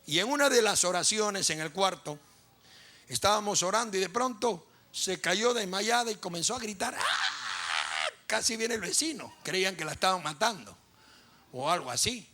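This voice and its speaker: A man's voice: high voice, bright, forceful tone, slight background noise. A man preaching a sermon as pastor, impassioned and repetitive, telling stories vividly.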